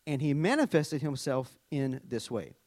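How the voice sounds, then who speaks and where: A middle-aged man from Arkansas with a Southern accent preaches as a worship leader, mixing scripture readings with jokes and animated stories in a chatty sermon. His mid-range voice runs at normal speed, with no room sound.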